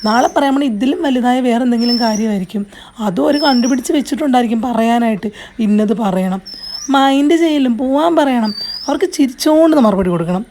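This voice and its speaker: A woman's voice: fairly high pitch, fast talker, warm tone, slight background noise. A woman giving earnest, consoling advice straight to the camera, repeating herself and restarting often. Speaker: vlogger. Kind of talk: direct-to-camera advice monologue.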